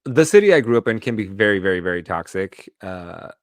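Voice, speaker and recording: A Los Angeles man co-hosting a podcast tells a personal story in casual chat, rambling with plenty of fillers and self-corrections. His voice is on the low side, sing-song and brisk, recorded as clean studio sound with no room sound.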